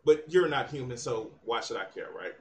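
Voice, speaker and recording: A man's voice: mid-range voice, expressive, fairly quick, darkish tone. A man hosting his channel, mocking and taunting someone in a profane heated argument. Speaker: channel host.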